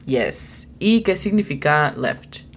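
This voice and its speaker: Speaking slowly in a deep voice with lively intonation, a woman who teaches languages and hosts a bilingual English lesson podcast guides a beginner through vocabulary, spelling words out and encouraging her student with patience. A little hiss or hum is present.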